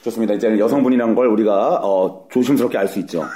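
A man co-hosting a casual comedy podcast, teasing and joking with quick asides. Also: on the low side, dark tone, reverberant, a little hiss or hum. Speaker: podcast co-host.

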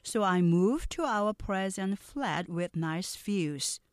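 A woman gives an English pronunciation lesson in a lively, rising-and-falling voice. She speaks slowly and deliberately, pausing between phrases for learners to copy. The sound is close and dry, with no room echo. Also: mid-range voice. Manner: slow, careful drills spoken for learners to repeat; switches between explaining and modeling phrases. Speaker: English teacher.

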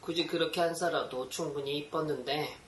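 A man's voice: on the high side, fairly even intonation, brisk, fairly bright tone, distant mic, a little hiss or hum, close to an everyday voice. Man playing a flirty Frenchman, roomy. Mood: matter-of-fact. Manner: flirtatious, casual, French exclamations. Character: smooth-talking Frenchman, hospital equipment supplier.

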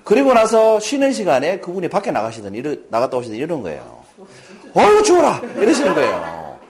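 Animated man lecturing with stories. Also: medium pitch, quick pace, a crowd in the background. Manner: lively, acts out quoted characters. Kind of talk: lecture with storytelling. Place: lecture room with audience.

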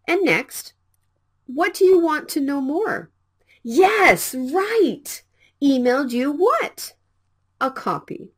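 A woman presenting an English lesson, explaining lines slowly and clearly with lively intonation. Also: on the high side. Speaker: English teacher. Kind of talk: scripted language lesson.

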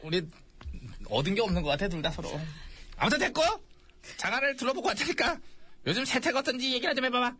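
A man's voice: very high voice, animated, quick pace, pushed and bright, husky, full character voice. A man playing a pompous, bossy king in a satirical radio comedy sketch, speaking in grand commands and scolding his servant. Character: pompous bossy male king, middle-aged.

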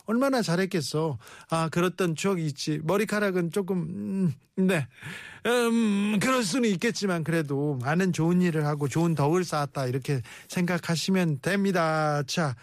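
A man's voice: a little high, moderate pace, few pauses, no echo, studio quality. A man hosting a radio show, reading listener messages aloud and cheering people on in a chatty way. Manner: warm, chatty, reacts to listener stories with encouragement.

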